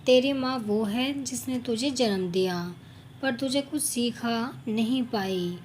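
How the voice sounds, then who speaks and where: A woman's voice: on the high side, slow, darkish tone, slight background noise. A woman voicing an angry, stubborn elderly mother-in-law who speaks harshly. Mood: scolding. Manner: harsh, scolding.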